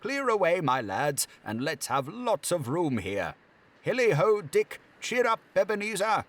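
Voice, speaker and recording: An audiobook narrator voicing a boisterous, jolly old male merchant who calls out loudly and heartily. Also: sits high, sing-song, measured pace, voice pushed up, heavily acted. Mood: jovial shouting. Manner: loud, hearty, shouting. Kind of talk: audiobook character voice.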